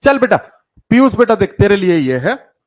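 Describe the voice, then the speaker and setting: A man's voice: sits high, big pitch swings, moderate pace. A man teaching children math in a live online class, coaxing and teasing his pupils and mixing English terms into his talk. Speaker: coaching teacher for school entrance exams.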